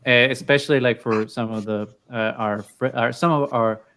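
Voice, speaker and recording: Man, podcast co-host, halting casual chat, medium pitch, laughs often. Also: steady tone, a bit bright. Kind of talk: casual watch-party chat.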